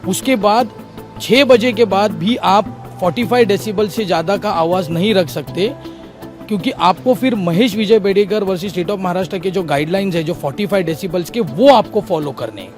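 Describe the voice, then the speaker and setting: A little fast and high-voiced, the lawyer for the petitioners lays out his legal case step by step for a news interviewer, slipping in English legal phrases. Faint music can be heard behind him.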